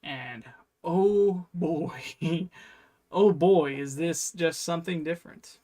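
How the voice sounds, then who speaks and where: A man with a slightly high, mellow voice and slow pace streams from a hot, humid room with two PCs, sounding crackly and strained. He rambles to himself while playing in casual live-stream chatter, and the recording is dry with clean studio sound.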